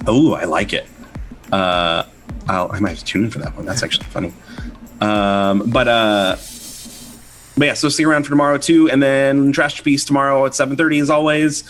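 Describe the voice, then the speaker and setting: A man's voice: medium pitch, steady tone, moderate pace, fairly bright tone, soft background music. A man hosting a casual livestream chat, rambling with fillers and easy laughs. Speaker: host.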